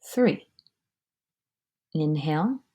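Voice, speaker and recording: A woman guides a breathing meditation in a fairly low voice. She speaks very slowly and calmly, in measured phrases. Her words often soften into a breathy near-whisper. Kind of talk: guided breathing meditation, slow instruction and counting.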